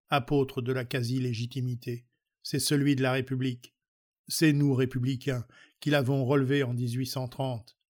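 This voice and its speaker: A man reads an old speech aloud at a steady, measured pace. His pitch sits in an ordinary middle register and barely moves, so the delivery stays level and even. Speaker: reader. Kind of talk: reading a historical speech aloud.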